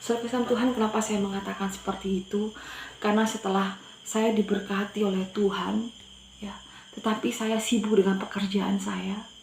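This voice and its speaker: A woman's voice: mid-range voice, level tone, moderate pace, creaky, a little mellow, reverberant, slight background noise, rough recording. A middle-aged woman from Madura, a pastor, telling her personal faith testimony earnestly and often addressing her listeners directly. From Madura, Indonesia.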